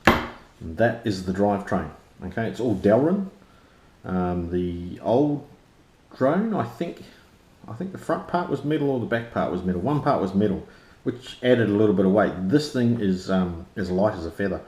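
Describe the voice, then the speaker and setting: A man's voice: on the low side, lively intonation, moderate pace, darkish tone. A man with a broad New Zealand accent giving a casual, unscripted product review in informal, slangy language. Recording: roomy, echoey sound.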